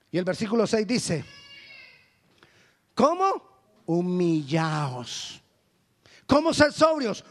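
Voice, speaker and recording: High-voiced preaching pastor. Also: male voice. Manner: preaching with sudden swings between loud exhortation and low quiet asides. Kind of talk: sermon.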